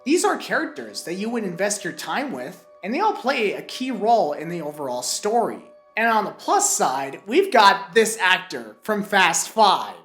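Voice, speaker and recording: A woman delivers a scripted film review with a lively, swooping voice, still rough from a cold. She slips in playful jokey asides. The room sounds echoey, with faint music underneath. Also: medium pitch, moderate pace, hardly any pauses. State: recovering from a cold.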